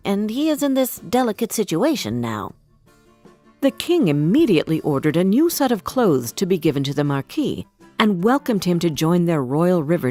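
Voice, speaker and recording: Woman narrating a children's fairy tale, expressive, lower voice, animated delivery, soft music faint behind. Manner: expressive, storybook reading. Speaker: storyteller.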